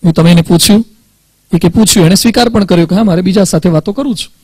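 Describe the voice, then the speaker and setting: High-voiced Gujarati man giving a talk. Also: rapid-fire, a little mellow, no room sound, poor audio. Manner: storytelling, acting out dialogue, mixing in English words. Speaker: swami giving a motivational talk to students. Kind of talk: motivational talk with anecdotes.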